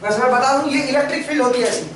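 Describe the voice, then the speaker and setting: A male engineering lecturer with a high voice, working through a problem and pressing his students with questions. He is picked up from across a large room, and the classroom echoes heavily around him. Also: racing, far from the mic, a little hiss or hum. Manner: questioning, prompts students constantly. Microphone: camera far from the speaker.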